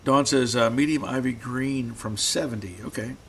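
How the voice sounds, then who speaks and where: A man runs a live stream out of his garage, casually fielding viewer comments with pauses and repeated words. Long talking has roughened his medium-pitched voice; a faint hiss or hum runs underneath.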